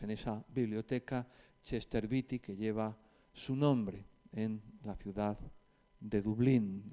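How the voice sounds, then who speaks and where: Speaking in a lowish, dark-toned voice, a man from Spain lectures a group casually and didactically. He pauses hesitantly now and then and drifts into asides.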